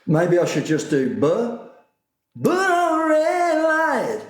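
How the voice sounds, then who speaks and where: A man's voice: extremely high pitch, wildly swooping pitch, drawn-out words, reverberant. A man taking a singing lesson who speaks in short, hesitant replies. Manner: brief agreeing replies, hesitant when explaining. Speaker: singing student.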